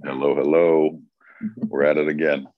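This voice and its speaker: A man with a bass voice co-hosts a laid-back advice talk for writers, where he works as a coach; he's thoughtful but keeps restarting sentences and repeating words. His delivery is flat at normal speed, against a noisy background on a dry, dull lo-fi recording.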